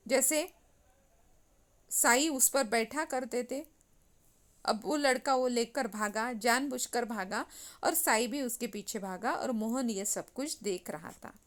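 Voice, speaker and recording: A woman teacher reads a story passage aloud and then explains each line in simple words. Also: a little high. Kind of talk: reading and explaining a Hindi lesson.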